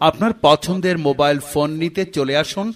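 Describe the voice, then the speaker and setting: A man's voice: a little high, a little fast, lightly acted. A man with a Bangladeshi accent acting in a scripted shop advertisement as an agreeable, keen announcer. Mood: promotional. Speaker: advertisement voice artist.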